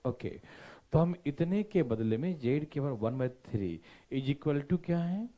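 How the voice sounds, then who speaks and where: A man teaching math in a lively, swooping voice, with fairly high pitch. He keeps asking his listeners whether they follow and slips in playful jokes. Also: a little slow. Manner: animated, constantly checking understanding with listeners; playful, joking asides. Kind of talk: classroom lecture.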